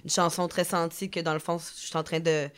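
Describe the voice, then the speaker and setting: A woman's voice: fairly low pitch, little pitch movement, brisk, clean tone. A woman with a Québécois French accent, a drag performer chatting as a podcast guest, talking casually with many fillers and restarts.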